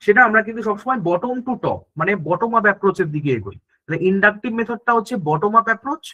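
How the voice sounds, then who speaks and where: Man, high pitch, online class teacher, step-by-step explaining, asks and answers own questions. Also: animated, fast, pushed and bright, dull audio. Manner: often checks in with students. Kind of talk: online exam-prep class lecture.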